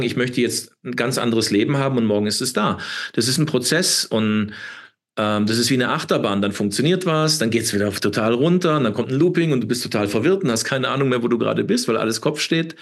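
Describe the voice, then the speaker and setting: Husky fifties male guest, emphatic and preaching, rough-edged voice, mid pitch. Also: expressive, a little fast. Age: 50s. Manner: preachy, emphatic, repeats words and tags with "ne?". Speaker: interview guest. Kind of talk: impassioned interview talk.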